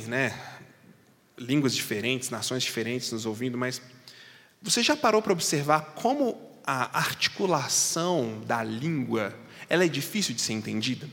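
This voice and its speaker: With a creaky, slightly bright mid-range voice and a big-room sound, a male pastor works through a passage in an expository sermon. He keeps it conversational, talking straight to his congregation.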